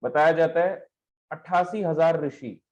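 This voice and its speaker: Male spiritual teacher, slightly high voice, patient explanatory delivery that asks and answers itself, stand mic, dull recording. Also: measured pace, darkish tone. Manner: explanatory, asks and answers his own questions. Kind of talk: devotional talk on scripture.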